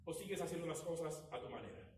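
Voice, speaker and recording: A man preaching a sermon as pastor, dropping to quiet low passages and then rising to loud exclamations, sometimes mocking complaints in a put-on voice. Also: expressive, fast. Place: church sanctuary. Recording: very echoey church hall, mic far off, faint noise.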